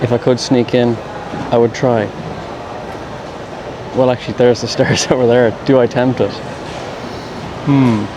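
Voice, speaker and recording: Understated man vlogging with little pitch movement. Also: little pitch movement, a little slow, pauses often, background noise. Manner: understated, slangy, rambling asides. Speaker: travel vlogger. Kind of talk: casual vlog commentary. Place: walking around an airport terminal.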